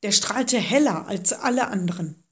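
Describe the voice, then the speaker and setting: A woman's voice: mid-range voice, expressive, normal speed, husky. Woman reading a children's story. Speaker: narrator.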